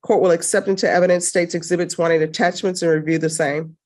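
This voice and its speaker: Woman judge on the bench, brisk and stern, lowish voice, courtroom recording. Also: fairly even intonation, darkish tone. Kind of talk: formal courtroom proceedings.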